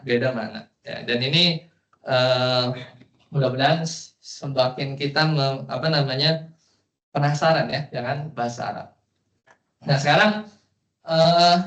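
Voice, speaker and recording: A man's voice: medium pitch, fairly bright tone, echoey room, highs cut off. A man teaching a religious study class, explaining in a conversational way with frequent tag questions. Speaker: Islamic teacher.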